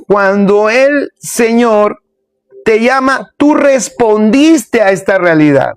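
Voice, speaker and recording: A man's voice: sits high, no room sound. A man preaching a sermon, emphatic and repetitive, speaking straight to his listeners.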